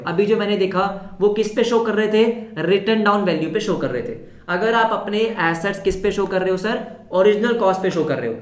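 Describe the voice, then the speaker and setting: A male accounts teacher with a sore throat, running a fast revision lesson, asking the class questions and answering them himself. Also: high-pitched, echoey room. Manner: quizzes students then answers his own questions.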